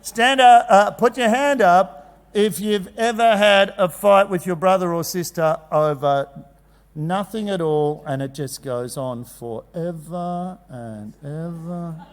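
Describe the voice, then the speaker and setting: A man gives a jokey, animated talk at a conference, acting out kids' voices. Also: high-pitched, slow pace. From Australia. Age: 50s. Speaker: conference speaker. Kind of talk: energetic presentation. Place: large conference hall. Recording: long hall reverb.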